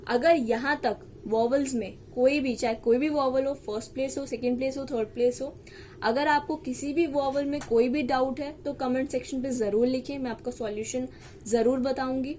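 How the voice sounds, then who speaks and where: A woman teaching shorthand in a slow, explanatory lesson, repeating each example word. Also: sits high, steady tone, darkish tone, a little hiss or hum. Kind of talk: step-by-step lesson.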